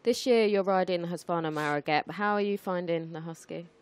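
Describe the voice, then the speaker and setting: A woman presenting a studio interview, asking brisk, leading questions that end in tags. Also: fairly low pitch, darkish tone, clean tone.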